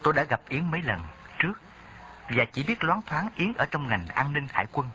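A man's voice: a little high, very animated, fairly quick, pushed and bright, muffled recording, slight background noise. A man narrating a memoir in a reflective reading style.

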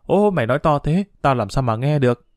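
A cocky schoolboy swaggers and mocks his friend in a spoken story, as a man puts him on. His voice often jumps higher than the narrator's own. The sound is dry and close. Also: expressive, a little fast, a little mellow, no room sound, natural voice. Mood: swaggering. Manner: swaggering, mocking.

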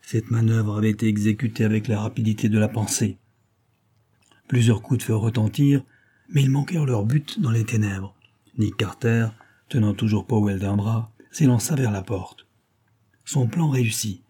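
A man narrating an adventure novel in a steady, even way as an audiobook reader. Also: fairly low pitch, moderate pace, breathy edge. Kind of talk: scripted narration.

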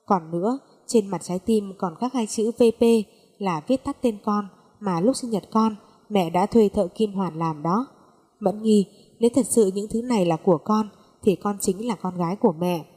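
A woman's voice: mid-range voice, moderate pace, mellow, slightly rough, close to an everyday voice. A woman voicing a grieving middle-aged mother who speaks through tears, with long reverb. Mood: tearful. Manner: pleading, sobbing speech.

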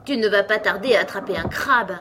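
A woman voicing a cranky old female sheep who knits, with a shrill, snappish voice. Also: brisk, noisy background, natural voice.

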